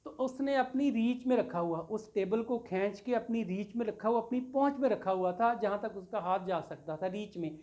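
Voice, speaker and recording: A woman's voice: medium pitch, normal speed, few pauses, mellow. Woman teacher explaining line by line. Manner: explains line by line, repeating and glossing English words, addresses students as "beta". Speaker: English teacher. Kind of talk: classroom lecture explaining a poem.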